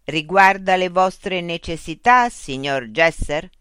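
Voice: mid-range voice, slow pace, pushed and bright, clean tone, no room sound. A narrator voicing a cold bureaucratic machine information unit that recites rules in a rigid, officious way. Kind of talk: audiobook character voice.

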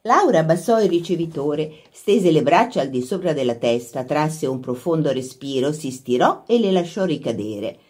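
A woman reading a literary short story aloud as narrator, in an expressive storytelling manner. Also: sits low, moderate pace, few pauses. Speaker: audiobook narrator.

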